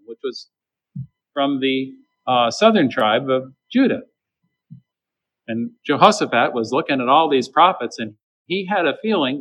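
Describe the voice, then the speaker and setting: A man's voice: mid-range voice, bright, forceful tone, poor audio. A man preaching a sermon, emphatic and acting out the voices of the people he quotes. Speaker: pastor.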